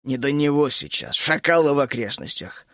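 Guy reading doing grumpy dragon-keeper uncle, low and grumbly, scolds the kids, dry close sound. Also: lively intonation, normal speed, fairly bright tone, no echo. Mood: grumbling. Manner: grumbling, scolding, bursts out hotly. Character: grumpy gruff middle-aged male dragon keeper. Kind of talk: audiobook character voice.

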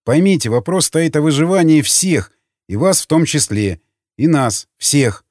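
A man's voice: a little high, animated, measured pace, a little mellow, dry recording, studio quality, pitched above the performer's own voice. A man as a terse, guarded male prisoner. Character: determined young male prisoner under interrogation.

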